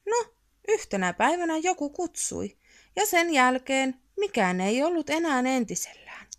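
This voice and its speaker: A woman reading a picture book aloud as a bedtime story, expressive and playful. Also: high voice.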